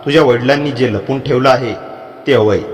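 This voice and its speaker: A man's voice: medium pitch, a little fast, natural voice. A man voicing a cold, menacing male gang leader who growls his threats, with a long hall reverb on the voice.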